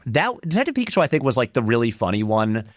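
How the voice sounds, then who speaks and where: The guest, a man who creates film video essays, talks quickly in a mid-range voice, often saying "like," restarting his thoughts and acting out quotes in passing. Sound quality is clean and echo-free, as in a studio.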